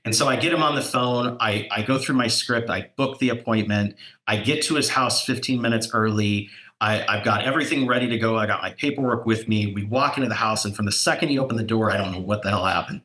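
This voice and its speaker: A man telling real estate sales stories in a casual chat, animated and jumping up in pitch when he quotes people. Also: fast talker. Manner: animated storyteller, voice jumps up for quoted dialogue. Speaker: real estate broker and podcast co-host.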